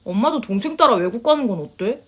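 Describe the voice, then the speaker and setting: A blunt young husband played by a woman in a narrated story, talking matter-of-factly in a lowered voice. He sounds sure of himself and brushes worries aside. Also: animated, fast, fairly bright tone. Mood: casual. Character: young adult Korean husband, blunt and self-assured. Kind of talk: storytelling voice acting.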